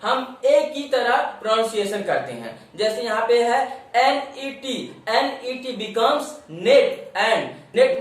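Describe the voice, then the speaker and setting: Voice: mid-range voice, distant mic. A teacher from India giving a spoken English pronunciation lesson, spelling each word out letter by letter. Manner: spells words letter by letter, slow and drawn out. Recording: roomy echo, voice off-mic.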